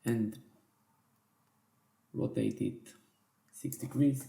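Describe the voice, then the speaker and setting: A man teaching a software design tutorial in slow, step-by-step instructions with small self-corrections, his voice worn and going hoarse. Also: medium pitch, steady tone, echoey room. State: losing his voice. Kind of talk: screen-recorded software tutorial.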